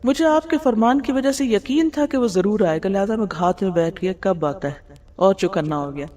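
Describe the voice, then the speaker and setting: A woman's voice: medium pitch, dark tone. A woman teaches a religious lesson in an explanatory way. She asks her listeners rhetorical questions and drops English words into her speech. Her voice carries a long reverb, as in a large hall. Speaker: Islamic teacher. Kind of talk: religious lecture explaining hadith.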